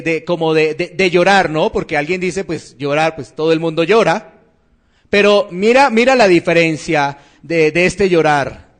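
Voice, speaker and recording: A man preaching a sermon, asking rhetorical questions and swinging between emphatic and quiet phrases. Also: high voice. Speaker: pastor.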